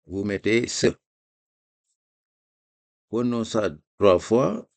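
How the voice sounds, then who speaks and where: A man teaching a live reading lesson, explaining slowly and patiently with repeated examples. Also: on the low side.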